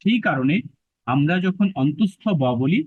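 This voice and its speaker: A man giving a patient pronunciation lesson, repeating syllables slowly to demonstrate. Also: on the high side, expressive, slightly rough, no echo. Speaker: pronunciation teacher. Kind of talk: explanatory lesson. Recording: dry, phone-like narrow sound.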